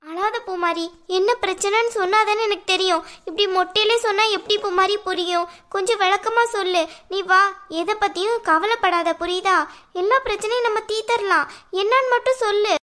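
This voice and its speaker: A very high, bright cartoon voice of a caring young village woman, acted by a woman. She coaxes and insists, pressing her sister for answers. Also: normal speed. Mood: coaxing. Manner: coaxing, insistent questioning. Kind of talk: cartoon voice acting.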